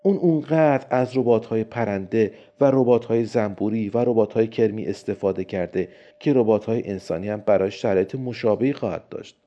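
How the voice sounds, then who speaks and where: A man voicing a calm, friendly male robotics expert who patiently reasons his case, in a storybook reading. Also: medium pitch, natural voice. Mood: calm persuading. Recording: dull lo-fi recording.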